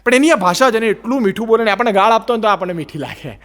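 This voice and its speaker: A man's voice: sits high, expressive, racing, a bit bright. A man with a Gujarati accent performing a stand-up comedy routine, telling stories with put-on voices and broken English.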